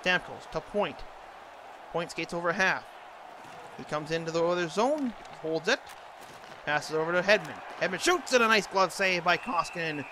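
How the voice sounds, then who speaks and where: A man's voice: on the high side, moderate pace, a crowd in the background. A man doing an amateur announcer impression, giving hockey play-by-play commentary in short clipped phrases. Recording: clearly noisy, ambient background noise.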